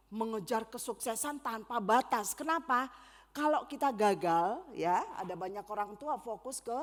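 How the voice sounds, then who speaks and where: A middle-aged woman giving a church talk on parenting, speaking directly to the congregation in a lively way and acting out the people she quotes. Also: a little high. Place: church hall. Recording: church hall reverb.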